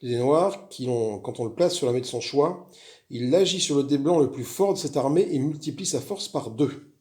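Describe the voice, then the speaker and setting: A man's voice: medium pitch, lively intonation, normal speed, darkish tone. A man chatting casually as he walks through a solo board game, rambling with frequent restarts. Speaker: board game video host.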